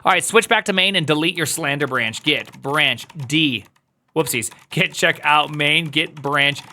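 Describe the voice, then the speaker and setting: A man's voice: unhurried, pushed and bright, a little hiss or hum. A man leading a live coding walkthrough, talking through commands as he types and joking with his viewers. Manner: playful, joking asides to chat, jumps high when teasing. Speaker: coding instructor.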